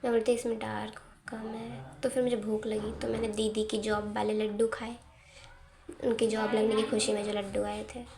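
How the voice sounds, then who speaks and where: A woman's voice: medium pitch, flat delivery, moderate pace, vocal fry, a crowd in the background. A young woman narrating a casual home vlog in a chatty, giggly, self-teasing way. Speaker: vlogger. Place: home, indoors.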